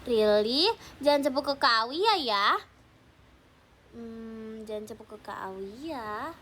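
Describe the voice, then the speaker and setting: Teen girl livestream host, high pitched, playful teasing chatter with fans. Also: expressive, slow pace, fairly bright tone, a little hiss or hum. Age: teens. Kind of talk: casual livestream chat with viewers. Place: at home at night, keeping voice down.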